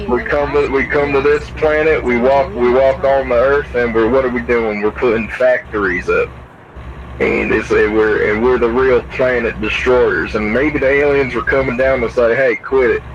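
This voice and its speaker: Over a game's CB radio, a man chats casually, rambling and repeating words for emphasis. His voice is medium-pitched and steady at a moderate pace, with a dull radio sound and loud vehicle noise from trucks and the road behind him.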